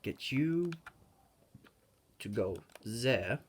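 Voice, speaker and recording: A man who makes gaming videos talks loosely over his gameplay, joking and self-correcting as he plays. His medium-pitched voice has lively intonation and stretched-out words. Clicking from his keyboard and mouse fills the background.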